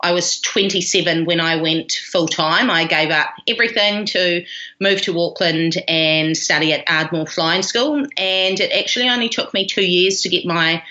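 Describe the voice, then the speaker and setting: Podcast guest: woman, broad New Zealand accent, lowish bright voice, casual storytelling, slightly dull lo-fi sound. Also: normal speed. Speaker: podcast guest, pilot and former rugby player.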